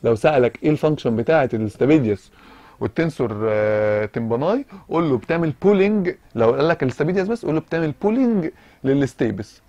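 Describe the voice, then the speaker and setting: A man's voice: fairly high pitch, expressive, racing, warm tone, dry recording, muffled recording. A man with an Egyptian accent giving an informal medical lecture, asking and answering his own questions and mixing in English terms. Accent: Egyptian Arabic. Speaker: physiology lecturer.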